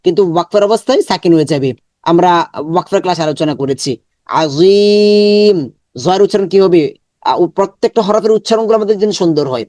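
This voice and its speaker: A male Quran teacher giving an online lesson, drilling syllables slowly one at a time with many repetitions and chanting the verse in long drawn-out tones. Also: sits high, lively intonation, darkish tone, dry recording. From Bangladesh.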